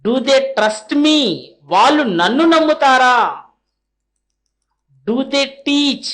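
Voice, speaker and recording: Slowly and with deliberate spacing, a woman reads short English question drills, giving a translation after each one. She's a spoken-English teacher with a high, somewhat bright voice.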